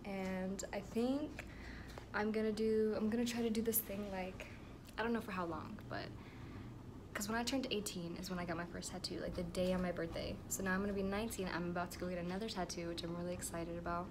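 Speaking fairly quickly in a steady, medium-pitched voice, a teenage girl in her late teens vlogs from her bedroom, the camera at arm's length. Her casual, meandering story is riddled with fillers and restarts, and the air conditioning hums in the background.

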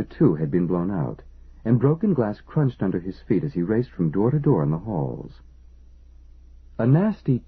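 A man reading an audiobook as narrator, in measured, lively storytelling. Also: fairly low pitch, slightly rough. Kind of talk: scripted narration. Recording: tinny phone-like band.

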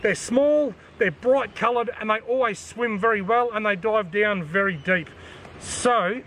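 At a measured pace, a high-pitched Australian fishing host in his forties explains things practically to a chest-height tripod camera outside by a forest. His tone is a bit bright and slightly noisy in the background, and he chats casually, restating key points for the viewer.

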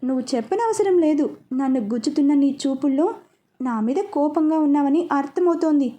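A woman's voice: high voice, lively intonation, moderate pace, warm tone. A woman voicing a playful young man in love, teasing his girlfriend in a read-aloud story.

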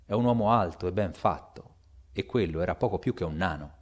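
A man's voice: sits low, brisk, voice pushed down. A man voicing an elderly, frightened and loyal male butler in a spoken audiobook, with an urgent, pleading delivery. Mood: fearful.

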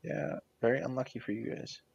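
A man's voice: medium pitch, brisk, creaky, darkish tone, breathy edge, no echo, highs cut off. A young man co-hosting a podcast, talking casually in short slangy remarks with friends. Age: young adult. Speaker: podcast co-host. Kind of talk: casual chat among friends.

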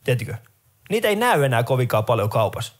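A middle-aged man with a Finnish accent performing a stand-up comedy set, telling stories in an animated way and jumping into high voices for characters.

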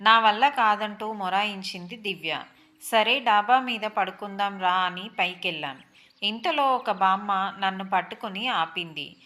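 Woman storyteller, bright voice, expressive first-person narration. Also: mid-range voice, a little slow, soft background music. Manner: expressive, dramatic.

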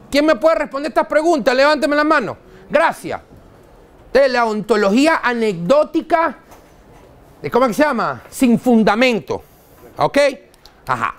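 Venezuelan man, dental lecturer, animated swings in pitch, blunt slangy talk to a hall. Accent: Venezuelan Spanish. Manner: blunt, slangy, quizzes the audience. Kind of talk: live lecture to an audience.

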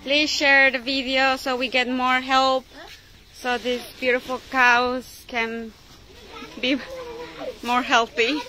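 A woman chatting casually and encouragingly in short phrases while filming outdoors on a handheld phone. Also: a little high. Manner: encouraging, short repeated praise. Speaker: person filming the livestream. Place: outdoor cow shelter yard. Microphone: handheld phone, behind the camera. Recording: loud outdoor noise, animals around.

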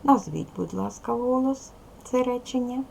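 A woman's voice: on the high side, normal speed, vocal fry, a little mellow, slight background noise, poor audio. A woman primary school teacher giving a recorded video lesson to young pupils, patiently explaining, asking questions and praising answers.

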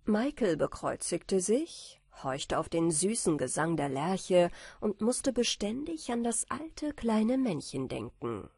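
A woman reading a fairy tale aloud as a calm, soft bedtime story audiobook. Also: medium pitch, slow pace, hardly any pauses, breathy edge, no echo. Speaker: audiobook reader.

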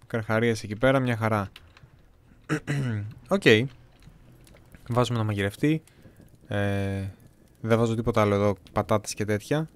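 A young man from Greece giving casual, chatty gameplay commentary, talking to viewers with a slightly hoarse voice. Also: lowish voice. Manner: chatty, talks to viewers, jokey self-talk. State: voice a bit hoarse, clearing throat.

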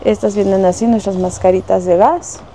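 A woman's voice: mid-range voice, steady tone, moderate pace, warm tone, a little hiss or hum. A Mexican woman working in a shop, showing goods and listing wholesale prices in a casual way, with lots of little diminutives. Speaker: shop saleswoman. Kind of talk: casual product showcase. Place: shop indoors.

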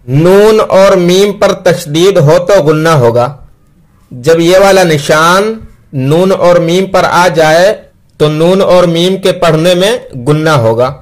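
A patient male teacher in a step-by-step recitation lesson, with a slightly raised voice. He speaks very slowly, stretching each syllable and repeating every rule several times. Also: high-pitched. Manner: draws out sounds slowly while spelling letters. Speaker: Quran reading teacher. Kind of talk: slow spelled-out recitation lesson.

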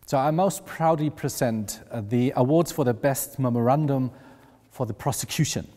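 A middle-aged man with a German accent presenting awards in a formal speech, measured and proud, at a desk in a wood-panelled room. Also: medium pitch, dark tone. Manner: measured, proud ceremonial delivery. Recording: long hall reverb.

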